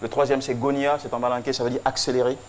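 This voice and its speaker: A man speaking fast in a flat, mid-range voice presents a tribute on television. The speech is solemn and rhythmic, full of emphatic repetition, and a slight hiss or hum runs underneath.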